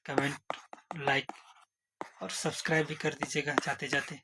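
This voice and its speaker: A man's voice: a little high, moderate pace. A man teaching an exam-prep lesson, asking rhetorical questions and using playful memory tricks. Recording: noisy recording. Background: steady background noise.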